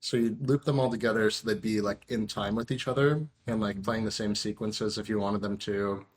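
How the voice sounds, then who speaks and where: A man's voice: lowish voice, fairly even intonation, brisk. A man in his thirties, a podcast guest and musician, talking casually and rambling with many fillers. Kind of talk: casual interview chat.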